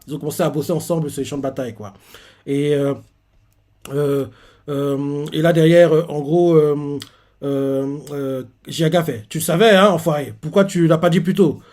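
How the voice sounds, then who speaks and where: A man's voice: a little high, darkish tone. A man hosting a manga reaction, recapping a chapter in a rambling, casual way with many fillers.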